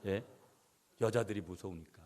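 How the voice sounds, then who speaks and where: A middle-aged man preaching a sermon as pastor, swinging between loud emphatic passages and quiet asides to the congregation. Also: deep voice, moderate pace. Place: church sanctuary. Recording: church hall reverb.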